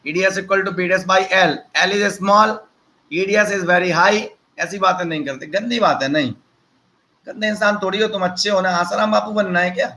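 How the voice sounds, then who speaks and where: Man, teacher, high voice, chatty and teasing, online lecture. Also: steady tone, normal speed, bright, forceful tone, poor audio. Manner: chatty, teasing asides to students.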